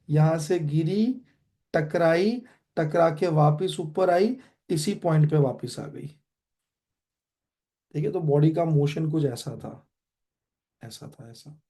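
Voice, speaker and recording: A man's voice: on the high side, mellow. A young adult man with an Indian accent teaching a physics class, quizzing students as he goes and mixing Hindi with English. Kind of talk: online class lecture.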